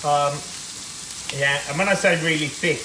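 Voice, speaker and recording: A man's voice: on the high side, normal speed, noisy background. A man cooking live in his city apartment, chatting in a rambling, casual way, sounding a little stuffy and nasal. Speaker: home cook livestreaming. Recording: sizzling pan behind the voice. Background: food frying in a pan.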